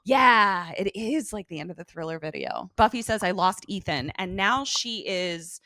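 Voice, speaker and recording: A woman's voice: mid-range voice, normal speed, no echo, clean studio sound. A woman co-hosting a podcast, chatting casually and acting out character lines as she recaps. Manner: animated, acts out character lines. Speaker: podcast co-host.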